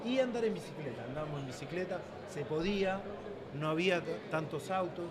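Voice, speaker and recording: A man's voice: fairly high pitch, lively intonation, brisk. A middle-aged Uruguayan man chatting as an interview guest, friendly and reminiscing, with a Uruguayan Spanish accent. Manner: friendly, reminiscing, with filler "este". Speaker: guest, sales manager. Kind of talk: casual interview chat. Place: trade fair floor. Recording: loud crowd noise at a trade fair. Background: loud crowd.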